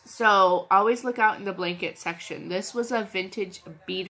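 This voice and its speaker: In a rough recording, a woman with a cold chats casually with her channel's viewers in a vlog. She's a reseller and the channel's host, and her mid-range, fairly bright voice moves at normal speed, scattered and full of ums and restarts.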